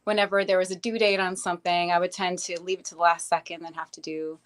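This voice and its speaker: A young woman, a guest in an interview, telling her life story in a hesitant, casual way with many pauses and restarts. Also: on the low side, level tone. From grew up in Bangladesh, later Canada.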